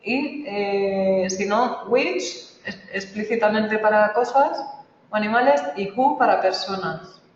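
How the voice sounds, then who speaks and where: A man's voice: high-pitched, takes it slowly, slight background noise. A man teaching an English grammar lesson, explaining step by step and checking in with a frequent "ok?". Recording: echoey, dull, distant lo-fi room recording.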